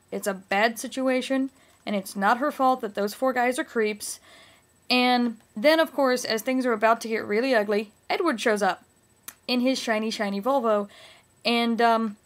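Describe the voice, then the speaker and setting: A woman's voice: fairly high pitch, moderate pace. A young woman giving casual, pointed and sardonic commentary on a book, recorded at home close to a webcam. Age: young adult. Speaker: book critic reading aloud and commenting. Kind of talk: casual critical commentary with read-aloud passages. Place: small indoor living room, on a couch.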